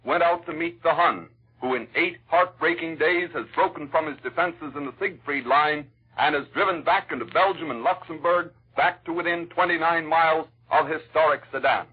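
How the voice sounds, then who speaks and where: A man's voice: on the high side, normal speed, husky. A man with an American accent reads scripted war news in the formal, dramatic manner of an old 1940s radio announcer. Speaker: radio newscaster. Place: radio newsroom. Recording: muffled vintage 1940s radio broadcast.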